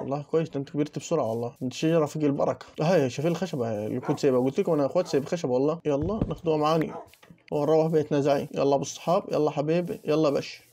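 Rapid-fire Egyptian man gaming. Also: on the high side, mellow. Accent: Egyptian Arabic. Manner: rapid chatter, joking insults at game animals. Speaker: gaming YouTuber. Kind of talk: casual Minecraft let's play commentary.

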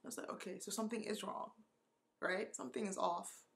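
A woman's voice: medium pitch, fairly quick, vocal fry, fairly bright tone, a little hiss or hum. A woman in her twenties from Nigeria telling a candid storytime vlog about dating, emotional and close to tears, with lots of fillers and swearing. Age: 20s. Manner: candid, emotional, heavy use of "like" and cursing. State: tearful, close to crying. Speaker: vlogger.

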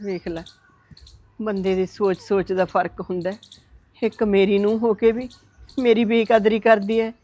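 A woman's voice: mid-range voice, flat delivery, moderate pace, pauses often, dark tone, no echo, natural voice. A woman playing a plaintive old mother-in-law. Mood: rueful. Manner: plaintive, sighing, complaining. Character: frail old mother-in-law, mournful and pleading. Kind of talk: amateur short film acting.

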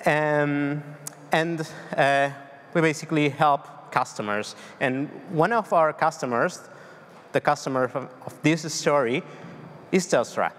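A Spanish-accented man from Argentina, in his thirties, gives a tech conference talk on stage in a large, dark hall. His fairly high, slightly bright voice moves slowly, and the delivery is loose and hesitant with many fillers and restarts. A long hall reverb trails his words.

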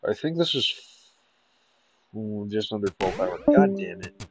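A man's voice: on the low side, expressive, moderate pace, a little mellow, soft background music, poor audio. A young man chatting casually and crudely while recording a gaming video over voice chat. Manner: crude, joking banter. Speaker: gaming YouTuber.

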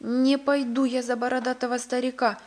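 A woman's voice: high voice, little pitch movement, normal speed, a little mellow, natural voice. A woman voicing a proud, headstrong young maiden in a storybook reading. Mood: refusing. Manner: firm refusal.

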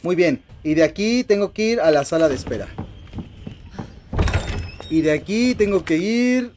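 A man with a Mexican accent giving let's-play commentary, excitable and swearing, yelping when startled. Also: sits high, unhurried, a little hiss or hum. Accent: Mexican Spanish. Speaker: gaming channel host.

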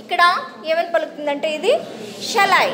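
A woman teaches English pronunciation in a very high voice. She spells each word out slowly, letter by letter, then says it again and asks the class how to pronounce it. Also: a bit bright. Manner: spells words out slowly, then repeats the sound; asks students to read aloud. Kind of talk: classroom phonics lesson.

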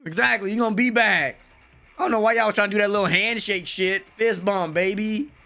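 A young American man reacting to anime talks fairly quickly in a high, gravelly, bright voice with a forceful tone, soft music playing behind him. His casual commentary is emphatic and packed with slang. He's close to a desk microphone, headset on, in a small room at home.

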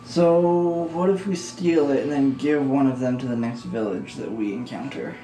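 A man's voice: medium pitch, normal speed. A man joking and laughing as he comments casually on a game with a friend. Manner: joking, lively, laughs often. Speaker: let's play co-host. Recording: echoey room, faint game music.

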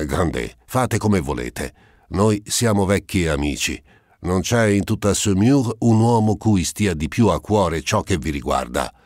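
A man's voice: sits low, no echo, clean studio sound, heavily acted. A man voicing a middle-aged male notary who is shrewd and persuasive, giving earnest legal advice.

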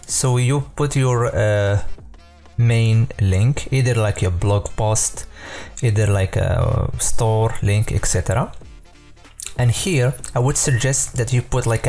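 A man with a mellow, mid-range voice casually explains software in a screen-recorded tutorial. He talks in a loose, informal way, frequently filling gaps and correcting himself.

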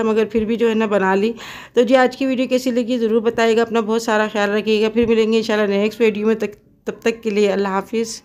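A woman's voice: fairly high pitch, a little mellow. A middle-aged woman from Pakistan talking casually to her viewers in a home kitchen while cooking, chatty and devout, with many fillers. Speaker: cooking vlogger.

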